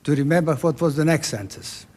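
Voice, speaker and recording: Serbian accent guy in the audience, earnest and formal, bit high voice, stumbles sometimes. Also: fast talker, darkish tone. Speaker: audience member asking a question. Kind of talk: formal remarks from the floor.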